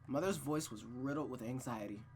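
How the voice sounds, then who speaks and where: At a normal speed and in a mid-range voice, a streamer performs a visual novel dramatically, breaking off for casual, profane remarks. He's expressive and reactive, fumbling and rereading lines now and then. A little hiss or hum sits under the recording.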